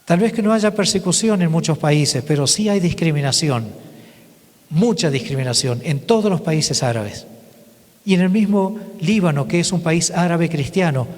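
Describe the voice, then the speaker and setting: A male priest speaks to a parish congregation with a slightly raised voice. He tells his stories haltingly, often breaking off and starting again. His voice trails into a long reverb in the church. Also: on the high side, animated, a little mellow. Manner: halting storytelling with frequent restarts. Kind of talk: testimony talk to a parish congregation.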